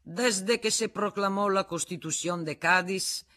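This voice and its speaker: A woman voicing a pompous male patriot from Barcelona who gives a slow, grandiloquent speech with a Spanish accent, in a read-aloud novel. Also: mid-range voice, pushed and bright, voice pushed up.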